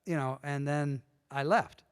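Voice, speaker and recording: A middle-aged man with a fairly high, smooth voice speaks a little slowly as a casual interview guest. He's a lively storyteller who acts out bits of dialogue along the way, and the recording carries a long room reverb.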